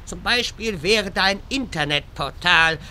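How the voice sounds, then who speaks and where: Fantasy comedy wizard: male actor, long-winded and self-important, piercingly bright, slow delivery, faint noise. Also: high voice, lively intonation, full character voice. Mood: chatty, self-important. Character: rambling pompous male wizard obsessed with portals. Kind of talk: scripted fantasy comedy dub.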